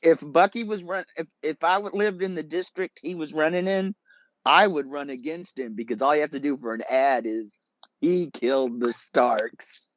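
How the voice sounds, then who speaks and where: A man's voice: a little high, a little fast, fairly bright tone, no echo, lo-fi sound. A man co-hosting a movie review podcast, chatting casually and bluntly. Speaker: podcast co-host.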